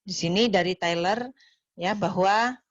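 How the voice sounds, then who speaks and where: A woman lectures a nursing class over a slightly dull, lo-fi call line, her voice sitting in a middle pitch. She talks in a chatty way, closing phrases with "ya" and "gitu ya". Now and then she slips into quick little voices for patients and nurses. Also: dry recording. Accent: Indonesian.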